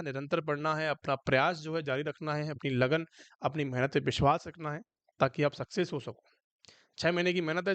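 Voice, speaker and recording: A man with a fairly high voice teaches an exam-prep lesson for nurses. He coaxes his students, checking again and again that they follow, and he slows down to read questions out in English. The recording is close and dry, with no room sound. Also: a bit bright, smooth, no echo. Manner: coaxing, repeatedly checks if students understood; mixes Hindi with English medical terms, reads questions slowly. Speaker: nursing exam tutor. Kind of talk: online exam-prep lecture.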